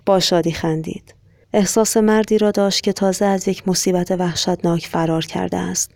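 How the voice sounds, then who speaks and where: Story narrator, steady reading, gravelly and flat. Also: mid-range voice, no room sound. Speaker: podcast storyteller. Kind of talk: scripted narration.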